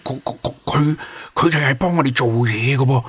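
A man voicing a jittery, soft-hearted young man who blurts and stammers when upset. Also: low voice, fairly even intonation, moderate pace, husky, heavily acted. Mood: flustered. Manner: stammering, agitated outbursts.

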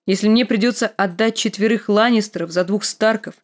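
Female audiobook narrator with a mid-pitched voice, steady and measured. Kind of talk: audiobook reading with voiced dialogue.

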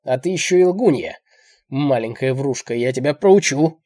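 A man reading an audiobook, voicing a cruel, domineering old man who shouts his orders. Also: medium pitch, big pitch swings, moderate pace, slightly rough, dry recording. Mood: raging. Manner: shouting, bullying.

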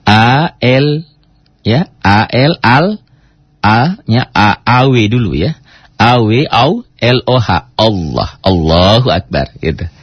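Husky low-voiced man teaching Quran recitation. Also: lively intonation, no echo, muffled recording. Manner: stops to spell out letters and chant Arabic words slowly as examples. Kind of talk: informal recitation lesson.

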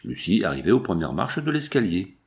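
A man narrating a novel in an expressive storytelling manner. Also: low-pitched, fairly quick. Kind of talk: audiobook narration.

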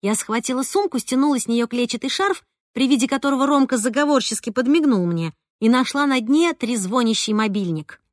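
A woman narrating a first-person novel with a lively, expressive reading. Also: on the high side, fairly quick, hardly any pauses, no room sound, clean studio sound. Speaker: audiobook narrator.

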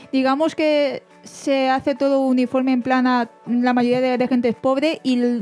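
Una mujer española que conduce un pódcast en tono de charla informal, preguntando con frecuentes reinicios. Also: female voice, a little high, a little mellow. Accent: Spanish from Alicante. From Spain. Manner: chatty, asks questions with frequent restarts. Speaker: podcast host. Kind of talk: casual podcast interview.

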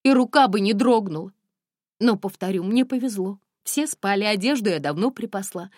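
A woman reading a stubborn young runaway bride who talks quickly and emphatically. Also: mid-range voice, animated, darkish tone, dry recording, clean studio sound, voice pushed up, natural voice. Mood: bitter.

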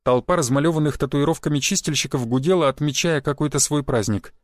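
A man narrating a first-person adventure audiobook in a wry, even storytelling manner. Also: a little high, fast talker, no echo, studio quality.

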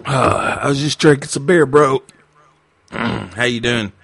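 A man talking through a voice changer that pitches his voice deeper, a brash and crude prank caller hosting a radio show. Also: slow, gravelly, fairly bright tone, husky, no echo. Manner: brash, crude, bro-talk, pushy. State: drunk. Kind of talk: prank phone call.

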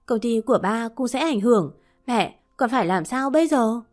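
A woman's voice: a little high, animated, moderate pace, a little mellow, lightly acted. A woman voicing a spoiled young daughter, pleading and near tears.

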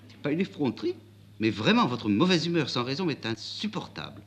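A man voicing a young milliner woman, spirited and proud, with his voice raised high. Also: a little fast, a little hiss or hum. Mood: blunt. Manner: pitched up high, lively and indignant.

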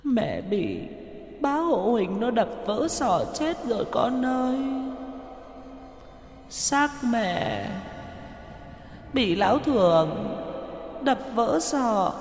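A woman's voice: fairly high pitch, big pitch swings, extremely slow, pauses often, darkish tone, heavily acted. A woman voicing the grieving ghost of an old mother, sobbing and pleading with her son. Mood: sobbing plea. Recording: echoey hall reverb over music.

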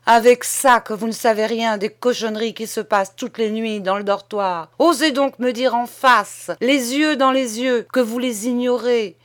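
Woman reading as a fiery young maid yelling back, cheeky and defiant. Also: on the high side, no echo, clean studio sound, close to an everyday voice. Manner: loud, mocking, defiant outbursts. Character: defiant young chambermaid, furious and insolent.

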